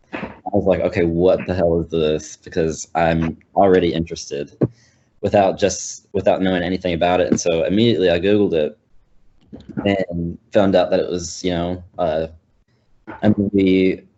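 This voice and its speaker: Deep-voiced young man, hesitant and muffled. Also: warm tone, slight background noise. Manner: hesitant, lots of fillers and restarts. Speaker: college student panelist. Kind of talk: casual film discussion.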